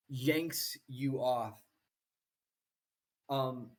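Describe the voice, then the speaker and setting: A man runs a tabletop game as dungeon master, taking his time and describing the fight in gory detail. He stops often with "uh" and "um" between phrases. His pitch sits in the middle range. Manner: halting, filler-heavy narration with vivid combat description.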